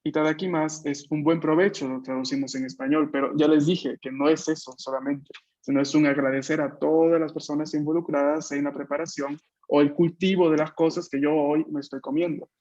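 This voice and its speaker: A man's voice: a little high, fairly even intonation, brisk, a little mellow, muffled recording. A man teaching a Japanese class online, explaining patiently and checking that his students follow. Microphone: video call.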